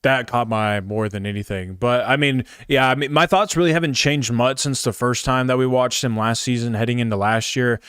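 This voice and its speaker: A man co-hosting a college football podcast, relaxed and thinking out loud. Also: mid-range voice, brisk, hardly any pauses, clear, resonant tone, no room sound, clean studio sound. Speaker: co-host. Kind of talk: casual sports podcast chat.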